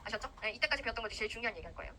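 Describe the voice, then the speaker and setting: Young woman, grammar lecturer: high, fast and animated, acts out her examples. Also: slight background noise, rough recording. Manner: lively, animated, acts out grammar parts in quarrelling voices. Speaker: English grammar teacher for civil service exam students. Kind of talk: recorded lecture.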